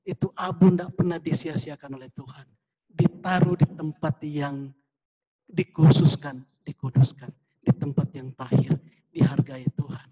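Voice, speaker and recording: A male pastor giving a fervent sermon at a church service streamed over a video call, rising to high pleading tones. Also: steady tone, measured pace, warm tone, husky, dull audio.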